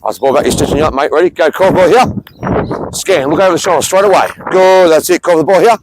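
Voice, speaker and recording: A football coach runs players through drills on an open field, snapping short commands like "scan" and "go through" between calmer explanations. His voice sits fairly high for a man. Wind and outdoor noise come through clearly on the camera mic. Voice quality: brisk, clipped shouted commands between calm explanations. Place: outdoor sports field on a windy day.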